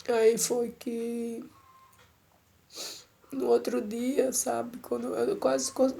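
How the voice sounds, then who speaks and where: A woman's voice: on the high side, vocal fry, warm tone, slight background noise. A middle-aged woman giving an emotional personal church testimony, repeating herself and addressing listeners tenderly.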